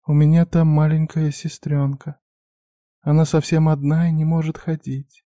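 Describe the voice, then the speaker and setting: A scared young serving girl with a high, thin voice, speaking barely above a hush in a storybook tale, as a male reader puts her on. Her words come soft and small, recorded close and dry. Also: flat delivery, moderate pace, no echo, natural voice. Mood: timid hushed. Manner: quiet, barely audible. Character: frightened young waitress, timid and hushed. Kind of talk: audiobook character voice.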